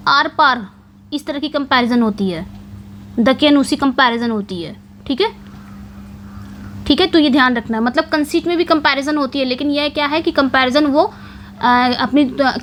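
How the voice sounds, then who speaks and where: A high-pitched woman with an Indian accent teaches literature in an exam-prep lecture, repeating her points and posing questions that she answers herself. She reads English lines slowly and carefully. Faint room noise sits underneath. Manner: repetitive, asks and answers her own questions.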